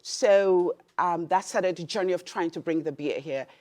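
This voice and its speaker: A woman's voice: on the low side, moderate pace. A woman from Nigeria, a beer importer, speaking as a guest in an interview and acting out conversations as she tells her story. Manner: expressive storyteller, acts out dialogue.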